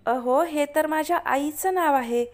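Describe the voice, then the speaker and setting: A woman voicing a sulky, excitable young wife in a spoken story. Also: high-pitched, unhurried. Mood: excited. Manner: irritated, exclaiming.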